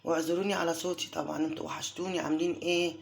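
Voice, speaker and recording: An Egyptian woman hosting a home cooking tutorial, her voice hoarse from a cold, showering her viewers with affectionate blessings. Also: low voice, little pitch movement, rapid-fire, slight background noise. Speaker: home cooking channel host.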